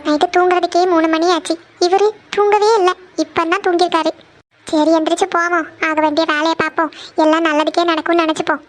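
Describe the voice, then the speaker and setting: A woman's voice: very high-pitched, flat delivery, fast talker. A woman voicing an anxious cartoon mother. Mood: worried. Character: middle-aged mother, anxious and caring. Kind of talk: cartoon voice acting.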